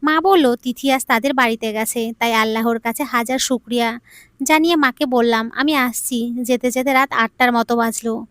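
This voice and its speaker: A woman narrating an emotional audio story in a calm, even storytelling manner. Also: on the high side, normal speed, dry recording.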